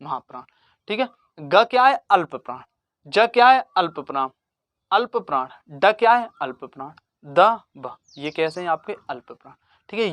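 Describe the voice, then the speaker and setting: Exam-prep teacher, mid pitch, question-and-answer drilling, dry recording. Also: no room sound. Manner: call-and-response, asks a question then answers it lower and softer. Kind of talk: exam-prep grammar lesson.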